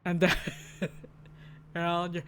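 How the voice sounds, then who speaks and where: Man from the Philippines, slow unhurried gameplay banter, crude jokes, desk mic with faint hiss. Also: high-pitched, monotone, pushed and bright. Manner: rambling, joking, swears and laughs while playing. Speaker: streamer. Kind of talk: casual gameplay commentary.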